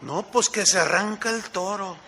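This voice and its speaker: A man preaching a sermon with a Mexican accent, telling a lively personal story and often checking in with his listeners through questions. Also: high-pitched, moderate pace, slight background noise. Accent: Mexican Spanish. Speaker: pastor.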